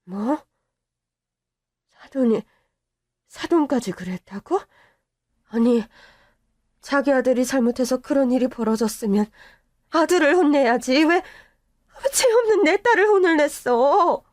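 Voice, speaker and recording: A woman's voice: high-pitched, a little slow, pauses often, darkish tone, no echo, clean studio sound, pitched below the performer's own voice. A woman voicing a distraught middle-aged mother who laments and protests in tearful exclamations and sighs, in a Korean-style radio-drama story reading. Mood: indignant, tearful.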